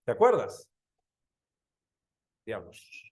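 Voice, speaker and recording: A man's voice: slow pace, roomy sound. A man teaching a language class, explaining phonemes and letters and quizzing his students as he goes. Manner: lively, questioning students often, animated. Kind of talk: online exam-prep language class.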